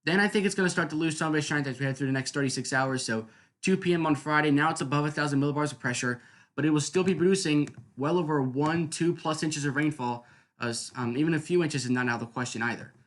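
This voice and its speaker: Talking fast in a higher-pitched voice, this man runs a live weather stream. He explains in a conversational, unscripted way and checks in with his listeners again and again, looking for agreement.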